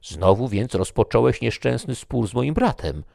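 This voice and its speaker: A man voicing a jovial, talkative young nobleman who is easily moved, in an animated, exclamatory reading. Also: medium pitch, moderate pace, gravelly, no echo, studio quality, pitched above the performer's own voice, full character voice. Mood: alarmed. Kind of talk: audiobook character reading.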